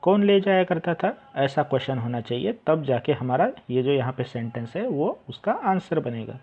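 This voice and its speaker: A man teaching an English textbook lesson, explaining in Hindi and English, reading words aloud slowly and repeating them. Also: fairly high pitch, sing-song, breathy edge. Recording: dull lo-fi home recording.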